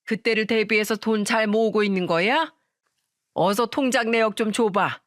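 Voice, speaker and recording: A bossy, suspicious older mother-in-law, put on by a woman narrator snaps out her accusations in a raised, sharp tone. The voice sits in a middling register, recorded close and dry with no room around it. She talks down at the listener, demanding and scolding. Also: medium pitch, normal speed, no room sound, natural voice. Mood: accusing.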